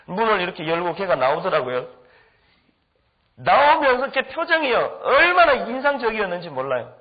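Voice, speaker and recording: A man's voice: high voice, moderate pace. A middle-aged male pastor telling a humorous story in a sermon, acting out the people he quotes. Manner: animated, humorous anecdotes with acted-out quotes. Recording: dull lo-fi recording.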